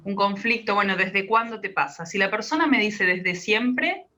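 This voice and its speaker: Bright-voiced woman explaining patiently. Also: medium pitch, normal speed, dull audio. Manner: calm, patient, explains step by step. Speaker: guest, biodecoding practitioner. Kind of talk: explanatory interview talk.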